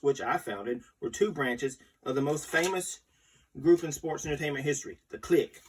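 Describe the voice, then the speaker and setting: As host, a man reads a magazine article aloud in a scripted storytelling manner. His voice is a little high and husky, and the microphone sounds distant.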